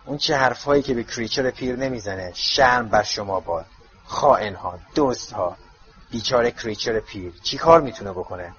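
A man playing a croaking, bitter old house-elf. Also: medium pitch, fairly bright tone, natural voice. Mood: grumbling. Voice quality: croaking, muttering. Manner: grumbling insults under his breath. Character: bitter ancient male house-elf servant. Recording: dull lo-fi audio.

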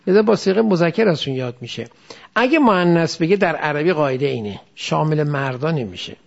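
A man's voice: a little high, gravelly, muffled recording. A man teaching a class, explaining grammar step by step and quizzing his students with questions. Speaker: religious studies teacher. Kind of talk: classroom lecture on Quranic Arabic grammar.

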